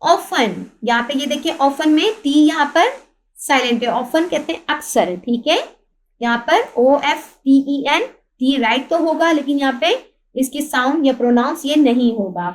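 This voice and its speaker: High-voiced Pakistani woman teaching a lesson. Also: animated, a little slow. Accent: Pakistani Urdu. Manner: spells out words letter by letter, asks and answers her own questions. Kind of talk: lesson explaining a textbook.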